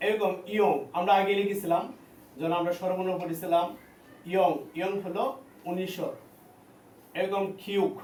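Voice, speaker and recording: A man teaching a language class and drilling letter names, repeating each one slowly. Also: sits high, little pitch movement, a little mellow, a little hiss or hum. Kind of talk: classroom lesson. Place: training center classroom. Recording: echoey room, mic at a distance.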